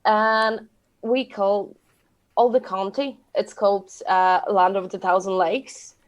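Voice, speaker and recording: Polish woman podcast co-host, mid pitch, halting non-native phrasing, casual. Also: steady tone. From Poland. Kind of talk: casual chat.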